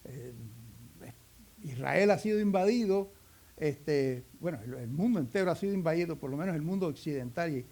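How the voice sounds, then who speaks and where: This Cuban preacher tells his sermon like a folksy story, conversational and anecdotal, with humorous asides tucked in. His voice is fairly high for a man, a little mellow, with lively intonation and a moderate pace.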